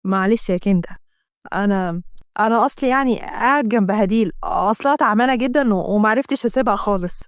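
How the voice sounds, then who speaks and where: A man's voice: high voice, fast talker, smooth, no echo, clean studio sound, pitched below the performer's own voice. A woman voicing a cold, commanding male boss with an Egyptian Arabic accent, giving stern, clipped orders. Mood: smooth.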